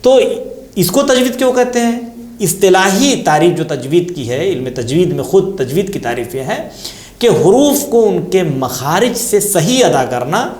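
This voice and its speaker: A man's voice: high-pitched, animated, darkish tone, reverberant. A man with an Indian Urdu accent teaching tajweed, patiently repeating key terms and asking and answering his own questions. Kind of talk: religious lesson explanation.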